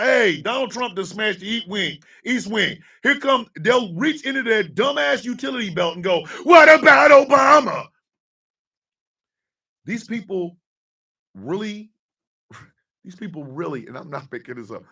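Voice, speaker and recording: Gravelly 50s dude ranting and cussing on a stream, voice jumps high and loud, sounds kinda far from the mic. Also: male voice. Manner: profane, fired-up ranting that swings to shouting. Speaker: host. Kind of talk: ranting live-stream talk.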